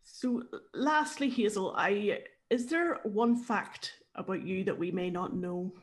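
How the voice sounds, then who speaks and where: A woman with a medium-pitched voice. She interviews as a co-host, asking her questions politely and a little tentatively. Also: slow.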